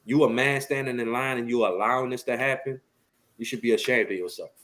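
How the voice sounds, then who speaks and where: A man co-hosting a casual podcast discussion, talking in an animated way and pushing his points with rising emphatic questions. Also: medium pitch, brisk. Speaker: podcast co-host.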